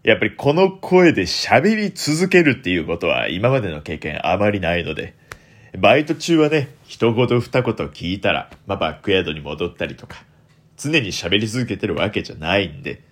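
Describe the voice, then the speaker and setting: Deep-voiced young man, swooping radio delivery. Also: big pitch swings. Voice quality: deliberately low, deep voice. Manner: polite, formal announcer-like delivery with theatrical flourishes. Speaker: host of a solo internet radio show. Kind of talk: late-night radio talk in a put-on smooth announcer voice.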